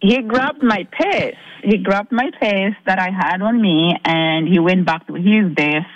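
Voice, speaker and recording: Caller from Zambia, a woman telling her ordeal in earnest halting bursts, dull dry line. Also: mid-range voice, no room sound. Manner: earnest, halting, many restarts. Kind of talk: recounting a personal ordeal on a call-in show.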